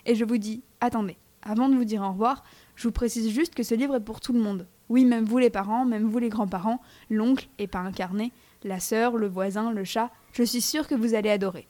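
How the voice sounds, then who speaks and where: A woman's voice: fairly high pitch, fairly even intonation, fairly quick, dark tone. A teenage girl reading a scripted book review for a school radio show, playful and teasing as she speaks straight to her listeners. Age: teens.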